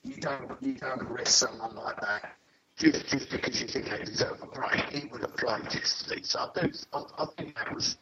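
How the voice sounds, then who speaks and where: A man's voice: medium pitch, normal speed, muffled recording, crowd noise. A man joining a casual football chat from afar, speaking earnestly and restarting his sentences, while his voice keeps breaking up over a glitchy connection. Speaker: podcast co-host on a remote call. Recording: noisy, clicking, dropping call line.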